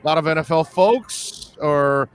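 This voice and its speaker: A man's voice: a little high, takes it slowly, smooth. A man hosting a sports talk show, chatting casually and putting questions to his guest.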